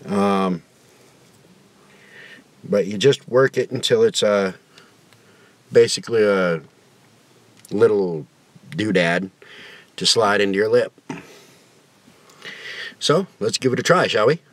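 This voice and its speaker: A man's voice: fairly low pitch, takes it slowly, pauses often, dry recording. A man giving a casual product review to camera in a folksy, rambling, colloquial way.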